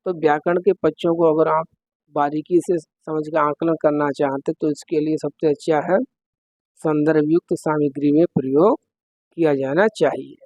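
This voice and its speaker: A man's voice: a little high, steady tone, normal speed, a little mellow, no room sound, low-quality recording. A man teaching an exam-prep lesson, working through quiz questions step by step and putting questions to the listener.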